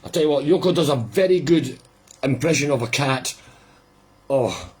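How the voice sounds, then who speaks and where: Husky man chatting through a record. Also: medium pitch, expressive, normal speed. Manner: chatty, rambling, quietly amused. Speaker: host of a live listening party. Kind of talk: casual live commentary.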